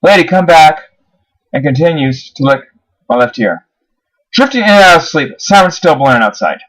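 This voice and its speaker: A man's voice: on the high side, big pitch swings, moderate pace, a bit bright, poor audio. A man reading his own first-person horror story aloud, his voice rising on the dramatic moments. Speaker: narrator.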